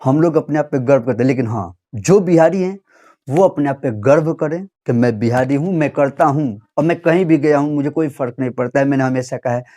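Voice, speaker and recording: A man's voice: mid-range voice, a little fast, warm tone. A young man from Bihar in India giving an earnest vlog commentary, speaking straight to his listeners and appealing to them. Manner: earnest, appealing and lecturing, direct address. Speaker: vlogger. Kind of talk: earnest direct-to-camera commentary.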